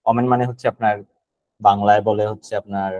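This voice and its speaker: A man's voice: on the low side, flat delivery, quick pace, darkish tone, no echo, lo-fi sound. A Bangladeshi man teaching an online GRE vocabulary class, explaining word meanings casually and thinking aloud. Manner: casual and thinking aloud, mixing English words into Bengali explanations.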